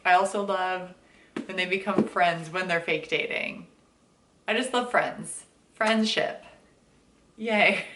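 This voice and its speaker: A young woman with a slightly low voice chats about books in a bubbly, slangy way. Her talk bounces around in a roomy, echoey space at home. It sounds like a casual vlog filmed in her own house. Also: a bit bright, slight background noise. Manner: bubbly, chatty, with slangy asides and laughs. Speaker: book vlogger. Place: home, indoors.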